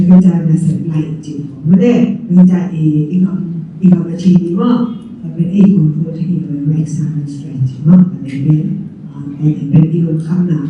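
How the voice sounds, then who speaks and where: A woman's voice: lowish voice, a little hiss or hum. A woman giving a lecture on self care with slides, mixing English terms into her talk and laughing lightly now and then. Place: church hall. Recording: echoey hall from far off, dull.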